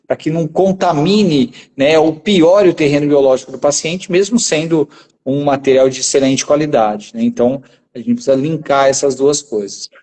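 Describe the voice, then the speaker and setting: A man's voice: fairly high pitch, moderate pace, darkish tone. A man speaking as a guest dentist in a casual conversation, explaining steadily and ending many phrases with a tag question.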